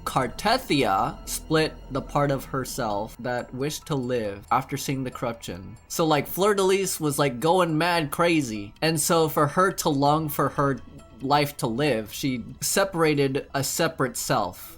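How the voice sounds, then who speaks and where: A young man with a medium-pitched, fairly bright voice comments unhurriedly on his gameplay, thinking aloud in informal, slangy speech. He's a gaming YouTuber, and game music plays under his commentary.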